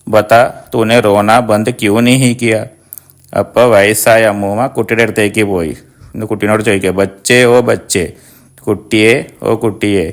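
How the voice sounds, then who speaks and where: A middle-aged man with a Malayali accent teaches an online class in a lowish voice. He reads a line of a story, then goes back over it and explains it word by word, patient and steady. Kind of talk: reading a folk tale in Hindi and explaining it in Malayalam.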